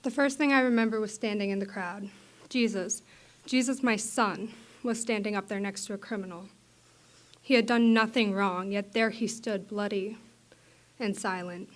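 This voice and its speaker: A woman's voice: medium pitch, steady tone, moderate pace, lightly acted. A young woman playing the grieving mother of Jesus, crying out for her son in anguish. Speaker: student actor.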